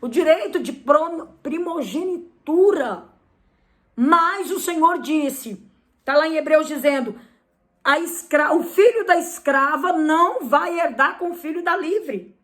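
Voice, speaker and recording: High-voiced Brazilian woman preaching. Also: takes it slowly, a bit bright. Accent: Brazilian Portuguese. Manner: emphatic, asks and answers rhetorical questions. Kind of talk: sermon.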